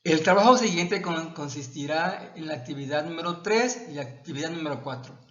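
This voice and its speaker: A male Mexican history teacher explaining a textbook lesson to his students, pausing and restarting his phrases. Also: fairly high pitch. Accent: Mexican Spanish. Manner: halting, repeats words and restarts, addresses students as "jóvenes". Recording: echoey, dull lo-fi room sound.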